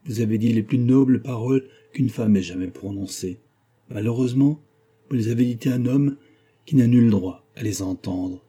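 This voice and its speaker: A man voicing an anguished middle-aged gentleman in love, reading him passionately and pleadingly in an audiobook. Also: mid-range voice, normal speed, husky, close to an everyday voice.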